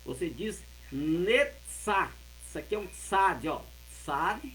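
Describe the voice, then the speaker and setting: A man teaching a lesson, explaining and repeating words slowly and carefully. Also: high-pitched, expressive, a bit bright, slight background noise, poor audio. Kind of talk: explaining Hebrew words of a Bible verse.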